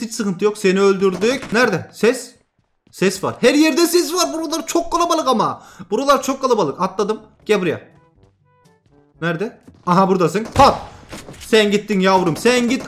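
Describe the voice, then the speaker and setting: A young man hosting a mobile shooter channel, giving excitable, trash-talking live commentary that swings between loud outbursts and muttering. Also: sits high. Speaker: gaming channel host.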